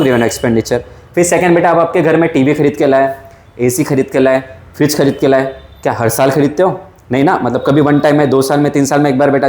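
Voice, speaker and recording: A man's voice: on the high side, darkish tone, roomy sound. A man teaching a class, coaxing his students and answering his own questions again and again. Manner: calls students "beta". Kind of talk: classroom lecture.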